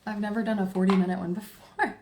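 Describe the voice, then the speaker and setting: A Texan woman in her forties hosts a live tarot stream and chats loosely with the people watching. She laughs easily, talks to herself and keeps stopping to answer the chat. Her voice sits at an ordinary middle pitch. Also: steady tone, fairly quick, darkish tone, slight background noise. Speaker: tarot reader livestream host. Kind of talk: casual livestream chat.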